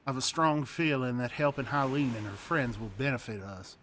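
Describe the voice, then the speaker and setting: A man's voice: medium pitch, brisk, fairly bright tone, slight background noise, close to an everyday voice. Sly Southern pirate captain voiced by a man, drawling, game playthrough. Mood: reassuring. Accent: Southern US, put on. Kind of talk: let's play voice reading.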